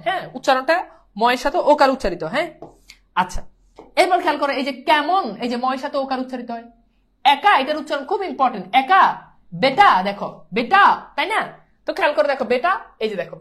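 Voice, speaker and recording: A Bangla teacher leads a pronunciation lesson in a high-sitting voice with lively intonation and a quick pace. She repeats herself and coaxes students to say whether they understand.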